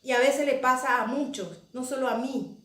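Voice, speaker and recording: Woman pastor, high voice, heartfelt testimony sermon, repeats phrases, echoey room. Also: moderate pace, a bit bright. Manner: emotional storytelling, repeats phrases for emphasis.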